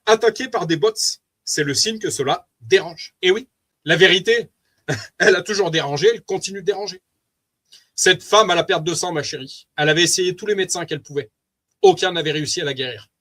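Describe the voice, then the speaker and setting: A man's voice: sits high, brisk, a bit bright. A man with a French accent giving an earnest, preachy spoken testimony, reading from notes and commenting aloud to his wife.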